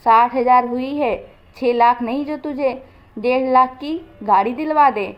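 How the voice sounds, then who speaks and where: A woman's voice: high-pitched, measured pace, faint music behind. A woman doing a sassy teenage sister. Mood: mocking. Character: sharp-tongued teenage younger sister. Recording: dull lo-fi recording.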